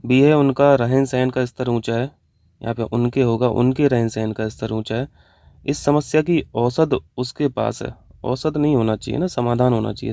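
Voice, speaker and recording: In a dry recording, a man with a medium-pitched, gravelly, dark voice teaches an online exam-prep lesson. He's a Hindi teacher who steps methodically through the answer options, blending English terms into his Hindi.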